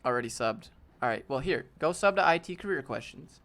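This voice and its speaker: Reading viewer questions aloud in a joking, laid-back live Q&A, this man in his late twenties sounds youthful. His mid-range, fairly bright voice has lively intonation and a fairly quick pace.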